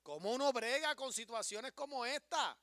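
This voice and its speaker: A man, preaching a sermon as pastor, moving from hushed storytelling to rising, impassioned declarations. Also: very high voice, animated, moderate pace, dry recording, studio quality.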